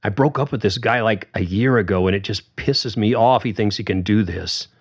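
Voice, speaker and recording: A man's voice: lowish voice, moderate pace, husky, dull audio. A man voicing an angry young woman who talks in a firm, clipped, seething way.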